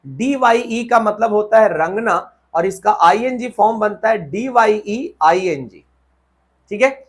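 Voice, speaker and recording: This whiteboard grammar lesson comes from a husky-voiced Indian man whose voice is high. He frequently makes sure his class is following, spells words one letter at a time, and reads English rules slowly and deliberately.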